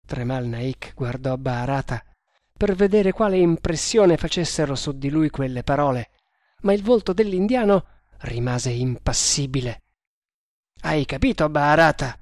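A narrator reads an adventure novel at a slow, measured pace. The delivery is even and deliberate. The recording is dry and close, with no room sound. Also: medium pitch, no echo. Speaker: audiobook narrator.

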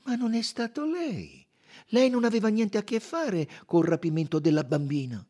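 A man voicing a fussy, sharp-minded Belgian detective in an audiobook, high and precise. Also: animated, normal speed. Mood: insistent. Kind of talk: audiobook character reading.

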